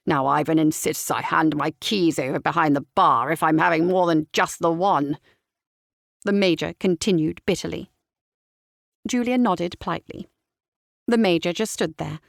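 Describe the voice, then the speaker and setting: A woman reading a cozy mystery novel aloud in an even, wry narration voice. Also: mid-range voice, gravelly, no echo, studio quality. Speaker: audiobook narrator. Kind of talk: scripted narration.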